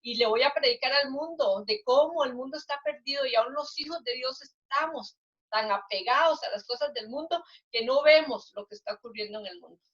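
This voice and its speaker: Earnest older woman, high bright voice. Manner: earnest, halting, with many restarts. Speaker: guest sharing a testimony. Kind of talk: casual interview testimony. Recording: dull lo-fi recording.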